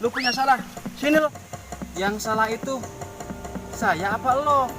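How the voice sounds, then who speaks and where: A man's voice: very high voice, unhurried. A man in a slapstick comedy short, arguing in a repetitive teasing way. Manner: bickering, repetitive teasing argument. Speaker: comic actor in a short film. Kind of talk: slapstick comedy sketch dialogue. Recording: loud music behind the voice.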